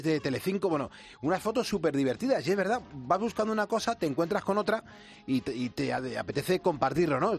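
A middle-aged man, hosting a radio show in a chatty, joking way with quick restarts. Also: a little high. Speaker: radio host. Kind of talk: casual radio chat. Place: radio studio.

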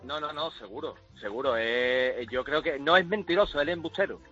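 Bright-voiced caller on a dull line. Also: male voice, a little high, a little fast, soft background music. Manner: repeats words in threes. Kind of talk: answering a host on a call-in show.

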